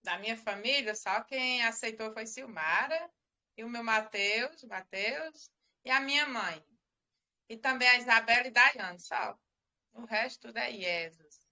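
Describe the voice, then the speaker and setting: A woman's voice: fairly high pitch, unhurried, sharp tone. A middle-aged woman giving a religious testimony on a live stream, rambling and repeating herself as she tells the story. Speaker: church member giving testimony.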